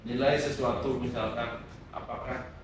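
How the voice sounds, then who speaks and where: A middle-aged man, a guest lecturer, giving calm advice to students in a podcast interview, with many hesitant fillers. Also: mid-range voice, a little slow. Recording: echoey room, far from the mic, noisy.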